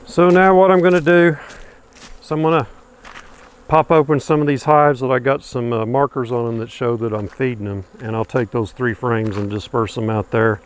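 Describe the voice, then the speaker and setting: An easygoing beekeeper talks to the camera at normal speed in a steady, medium-pitched voice while working outdoors in a wooded bee yard. He thinks aloud with fillers in folksy narration, with music, buzzing bees, and slight noise behind him.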